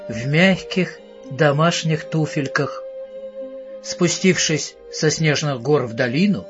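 A man narrating a fairy tale, speaking directly to the listener as a storyteller. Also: fairly high pitch. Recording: dull lo-fi audiobook recording.

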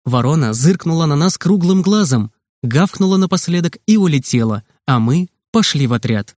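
A man reading a children's story aloud in a lively, expressive way. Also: fairly high pitch, normal speed, dry recording, clean studio sound. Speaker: narrator.

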